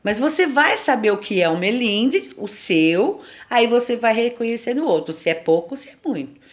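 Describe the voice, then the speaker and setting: A woman with a Brazilian accent giving an informal spiritual lesson in a conversational, lively way, often checking in with her listeners. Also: on the high side, normal speed. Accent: Brazilian Portuguese. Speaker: teacher at a spiritual temple.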